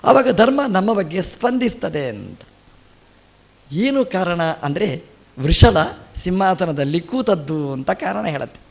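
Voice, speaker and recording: A man's voice: sits high, big pitch swings, takes it slowly, creaky. A middle-aged man, a religious teacher, giving a spiritual discourse and telling a scripture story with acted quotes and rising emphasis.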